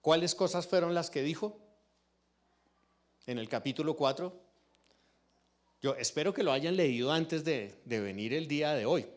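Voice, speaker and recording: A man's voice: on the high side, lively intonation, a little slow, long pauses. A man preaching a sermon in a church, teaching through rhetorical questions to the congregation. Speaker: pastor.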